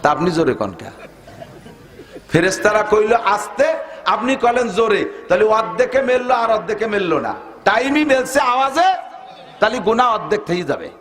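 A man's voice: moderate pace, roomy sound. A man preaching a humorous sermon, swinging his voice up and down and asking the crowd questions. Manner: animated and humorous, with pitch leaps and rhetorical questions.

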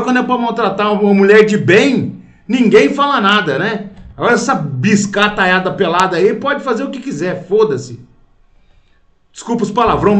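Indignant high-voiced Brazilian man ranting. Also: echoey room. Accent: Brazilian Portuguese. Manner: indignant, profane, keeps saying "cara"; slow and repetitive, with restarts. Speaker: political video commentator. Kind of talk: angry rant to camera.

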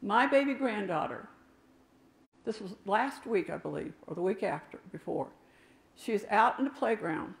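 A woman's voice: medium pitch, expressive, normal speed, creaky. An older woman preaching a sermon in a church, emphatic and talking with her hands, with asides to the congregation. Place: church sanctuary. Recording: echoey church room.

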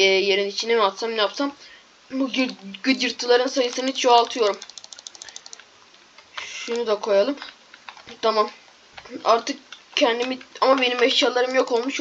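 Excitable high-voiced woman gaming. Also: highs cut off, slight background noise. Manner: excitable, pleading and yelping at mobs, then muttering low. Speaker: gaming YouTuber. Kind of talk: Minecraft gameplay commentary.

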